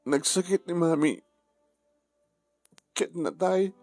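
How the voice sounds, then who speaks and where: A man's voice: high-pitched, takes it slowly, a little mellow, dry recording, faint music behind, full character voice. A man speaking heartfelt family drama dialogue.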